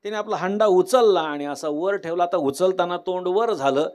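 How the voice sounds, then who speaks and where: A man preaching a devotional kirtan sermon, telling a story in a lively way and acting out the dialogue. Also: high voice, moderate pace. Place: live kirtan gathering.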